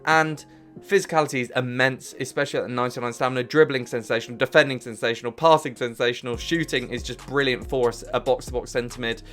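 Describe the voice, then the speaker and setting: A man's voice: medium pitch, fairly even intonation, fast talker, a bit bright. A young man giving enthusiastic, emphatic commentary as a gaming YouTuber ranking cards on a tier list. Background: faint background music.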